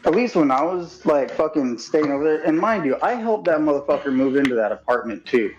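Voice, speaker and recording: A man in his late thirties speaking bluntly on a call, swearing constantly and restarting his sentences. His voice sits a bit high, and the call audio is dull with faint music underneath. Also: animated, brisk, darkish tone. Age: late 30s. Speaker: guest. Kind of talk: casual call interview.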